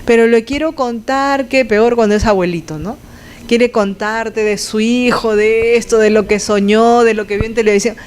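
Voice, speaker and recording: A woman's voice: on the high side, steady tone, moderate pace, a little mellow, slight background noise. A woman giving a conversational lecture to health students, asking the class questions and adding sound effects.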